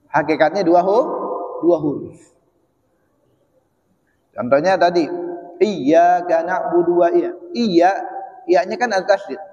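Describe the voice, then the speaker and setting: A man teaching a mosque study lesson, explaining patiently, repeating his words and chanting Arabic phrases slowly. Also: sits high. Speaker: Islamic teacher. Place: mosque hall. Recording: muffled hall recording with long echo.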